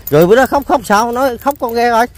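A man hosts a casual on-location interview. His voice sits notably high. He talks in a chatty way, repeating words and filling pauses with little hesitation sounds. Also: expressive. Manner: chatty, repeats himself, many hesitation fillers. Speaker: host.

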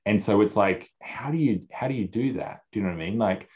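Low-voiced male guest in his 40s, lively anecdotal delivery, muffled webcam sound. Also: fairly quick. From Australia. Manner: animated, acts out quoted people, many restarts. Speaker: food advocacy director, guest. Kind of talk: casual conversational interview. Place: home office, indoors. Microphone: video call. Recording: dull lo-fi video call audio.

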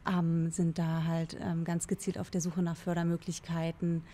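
Hesitant woman with a low, flat voice. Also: moderate pace, a little hiss or hum. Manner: hesitant, filler-heavy. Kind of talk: workshop self-introduction. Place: bright office meeting room.

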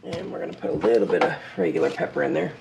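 A woman in her home kitchen calmly talking through a recipe step by step as she cooks. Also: deep voice, very fast, vocal fry, noisy background. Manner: relaxed, step-by-step instructions while cooking. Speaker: home cook showing a recipe. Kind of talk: casual cooking demonstration. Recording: loud kitchen clatter and stirring.

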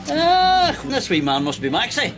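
Lively Belfast middle-aged man. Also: extremely high pitch, unhurried, over music, exaggerated voice. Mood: teasing, jovial. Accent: Northern Irish, Belfast. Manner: ends statements with emphatic tags, teasing and needling. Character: cocky, sentimental middle-aged father, charming but prickly. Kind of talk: naturalistic TV soap acting.

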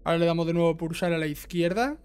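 This man hosts a video game guide, casually leading the listener through gameplay step by step, giving directions and checking in along the way. His fairly high voice moves fast and sounds a little mellow and clean, backed by game music.

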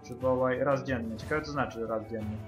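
A man's voice: medium pitch, fairly even intonation, fairly quick. A man giving casual, muttered, sweary gameplay commentary. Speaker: gamer. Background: game music.

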